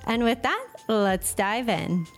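A woman's voice: fairly high pitch, sing-song, slow pace, soft background music. A young woman co-hosting a casual podcast, chatty and rambling, laughing often. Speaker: podcast co-host. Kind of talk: casual chat.

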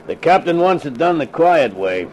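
A clipped blunt cop lieutenant, 50s radio drama, quietly menacing, pitch moves around. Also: male voice, very animated, normal speed, slight background noise. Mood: firm, pressing. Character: crooked, businesslike male police lieutenant, quietly menacing. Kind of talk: 1950s radio detective drama acting.

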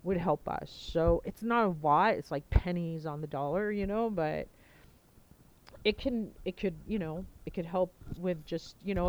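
A woman hosting a podcast, chatting casually and rambling as she thinks aloud, recorded on a low-quality headphone mic. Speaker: podcast host. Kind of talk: casual chat, informal podcast announcement. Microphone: headset, talking into headphones.

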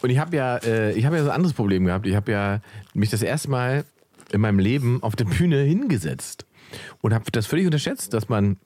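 A man's voice: mid-range voice, a little fast, dry recording. A man, a comedian and podcast host, chatting casually and telling stories with lots of laughter. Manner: animated storyteller, laughs a lot. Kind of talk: casual chat.

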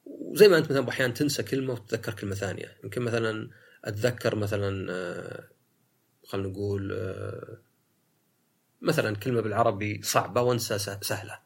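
Rapid gravelly-voiced man. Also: on the low side. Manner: rapid, argumentative, mimics other people's lines. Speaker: podcast host. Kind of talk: solo casual talk.

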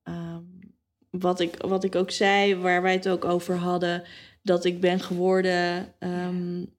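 A woman's voice: fairly low pitch, completely flat delivery, takes it slowly. A woman in her thirties talking in a casual conversation, reflective and hesitant, with many fillers. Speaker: guest.

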